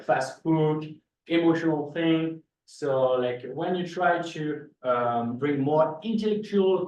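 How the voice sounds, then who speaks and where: A man's voice: a little high, mellow. A man with a strong French accent, an art gallery founder answering on a panel with many hesitant fillers. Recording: echoey room, distant mic, faint noise.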